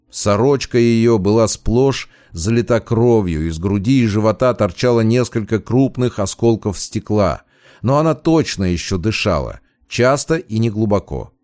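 A man narrating a first-person audiobook in a measured, dramatic way. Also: fairly low pitch, a little mellow, dry recording, studio quality.

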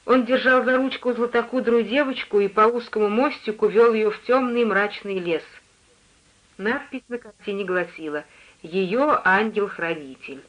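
A man giving a measured, descriptive reading of a first-person story as scripted audiobook narration. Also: high voice, dull audio. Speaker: reader.

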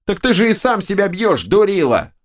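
Man doing a screechy ogre head, high-pitched, crude, snarling, audiobook. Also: sing-song, moderate pace. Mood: angry. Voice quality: shrill, creaky. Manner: snarling, cursing. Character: foul-mouthed screechy male ogre head.

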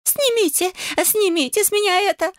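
A woman's voice: normal speed, no room sound. A woman voicing a panicked young woman who shrieks in hysterics, in a dry audiobook reading. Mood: hysterical. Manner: shrill, hysterical.

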